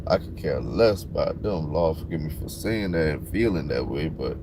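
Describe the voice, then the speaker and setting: A man talking bluntly and casually on a livestream, growing animated when he gets worked up. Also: extremely low pitch, normal speed, vocal fry, noisy background. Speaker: livestream host.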